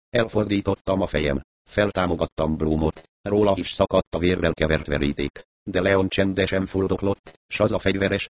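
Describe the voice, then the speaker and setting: A man reads a tense crime novel aloud in a measured, even narrating voice. His voice sits very low and deep. The recording is dry and close, with no room sound. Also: dry recording. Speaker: audiobook narrator. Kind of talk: scripted narration.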